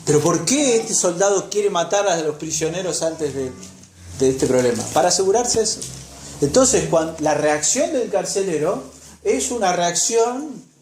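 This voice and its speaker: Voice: medium pitch, animated, a little slow, darkish tone, reverberant, a little hiss or hum. A preacher with an Argentine Spanish accent, telling a Bible story in a sermon and putting rhetorical questions to the congregation. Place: church.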